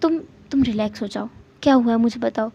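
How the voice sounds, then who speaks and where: A woman voicing a calm, protective young man who soothes softly and repeats gentle reassurances. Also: a little fast, vocal fry, husky, muffled recording. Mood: soothing. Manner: soft, low, repetitive reassurance.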